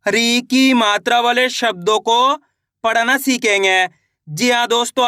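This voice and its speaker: Guy teaching reading, really high bright voice, keeps asking and answering his own questions, dry close sound. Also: clean tone, no echo. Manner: repeats questions and answers them himself. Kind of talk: teaching a Hindi reading lesson.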